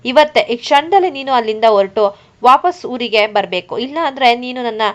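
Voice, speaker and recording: A woman's voice: fairly high pitch, animated, normal speed, lightly acted. A woman reading the lines of an angry, tearful older village mother who scolds her daughter, in a dull lo-fi recording. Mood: tearful anger. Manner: sobbing and scolding.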